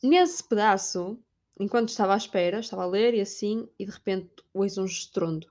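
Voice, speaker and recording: A young woman with a European Portuguese accent, chatting casually about a trip and imitating people along the way. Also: fairly quick. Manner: chatty, animated, imitates shouting staff in high voice. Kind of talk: casual storytelling vlog.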